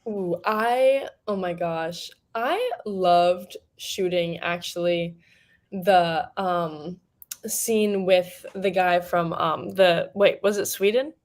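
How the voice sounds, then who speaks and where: A woman's voice: fairly low pitch, slow pace. A woman filmmaker as a podcast guest, speaking casually and searching for her words. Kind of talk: casual interview chat.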